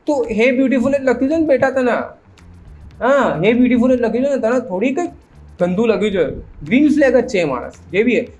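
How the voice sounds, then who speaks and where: A man with a notably high voice rants through a meme reaction, sarcastic and mocking. He drops English phrases into his casual commentary and keeps a needling tone. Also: lively intonation, fairly quick, darkish tone, soft background music.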